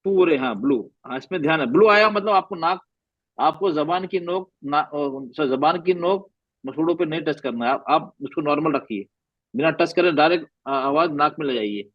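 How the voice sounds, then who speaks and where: A man teaching Quran recitation, patiently repeating sounds slowly to demonstrate. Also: fairly high pitch, no echo, dull audio. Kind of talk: online class instruction.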